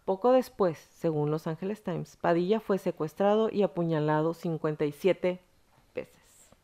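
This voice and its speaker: A woman's voice: fairly low pitch, normal speed, mellow. A woman hosting a podcast, telling a story frankly in casual, slangy conversation with blunt profanity. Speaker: podcast host.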